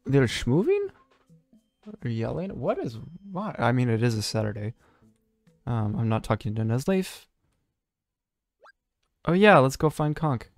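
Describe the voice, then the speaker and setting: A man's voice: medium pitch, moderate pace, no echo, faint music behind. A young man hosting a let's play, chatting casually and jokily over the game and reading its lines aloud. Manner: animated, jokey, reads game lines aloud. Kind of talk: casual gameplay commentary.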